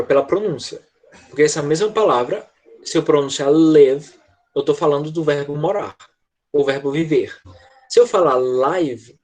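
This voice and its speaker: A man teaching a grammar lesson in an online class, patiently checking in with his students and slowing down to model words. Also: a little high, husky. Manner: slows down to model English words. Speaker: English teacher.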